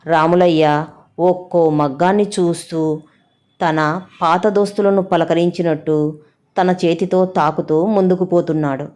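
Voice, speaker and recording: A woman narrating a village story in a steady, plain way, with a Telangana Telugu accent. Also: lowish voice, a little slow.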